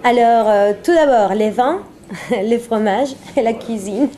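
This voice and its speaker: Speaking unhurriedly in a warm, fairly high voice, this woman from Venezuela is a singer-songwriter appearing as an interview guest. Her French, a second language, carries a Spanish accent, and the casual, playful chat features frequent repeated phrases for emphasis.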